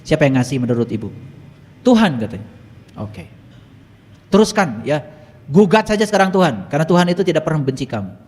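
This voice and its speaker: A man giving a spiritual talk, telling stories with sudden loud exclamations and hushed asides. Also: medium pitch, long reverb tail. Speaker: spiritual teacher.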